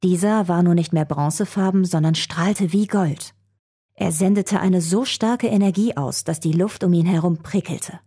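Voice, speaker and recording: A woman's voice: on the low side, moderate pace, warm tone, slightly rough. Woman reading a storybook aloud.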